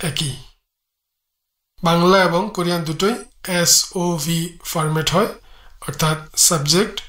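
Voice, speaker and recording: Bright-voiced man teaching in an echoey room. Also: high-pitched. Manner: measured, spells out sounds one by one. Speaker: language teacher. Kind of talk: read-aloud grammar lesson.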